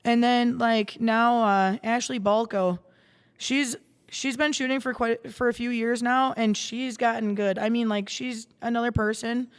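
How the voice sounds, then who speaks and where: Woman rambling thru a story on a podcast, kinda high voice, lots of um and like, echoey studio. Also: fairly even intonation, unhurried, smooth. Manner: rambling, many restarts and fillers. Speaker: guest, salon owner and darts player. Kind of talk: casual storytelling chat.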